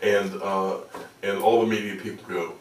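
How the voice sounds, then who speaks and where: An older man, an activist interview guest, telling casual anecdotes in halting, repetitive, slangy phrases. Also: low voice, fairly even intonation. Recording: echoey room, distant from microphone.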